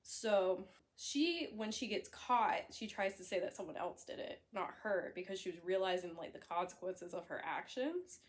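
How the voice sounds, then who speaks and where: A woman's voice: mid-range voice, animated, normal speed, few pauses. A young woman casually recapping a horror story, chatty and blunt, with fillers, self-corrections and the odd swear. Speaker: book reviewer.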